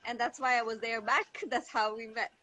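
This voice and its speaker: A Tanzanian woman, a teacher and mental health advocate, speaks as an interview guest in a conversational manner, groping for words and repeating phrases for emphasis. Her voice sits on the high side with fairly even intonation, a normal pace, and a bright, forceful tone. The audio is low quality, coming from an online call with faint background noise.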